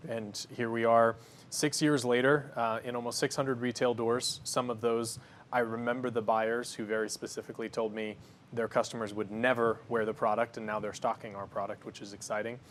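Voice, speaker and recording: In a studio kitchen, a company founder explains his work as he cooks through a demo and interview, sounding confident and energetic. His mid-range voice moves at normal speed, and there's a little hiss or hum.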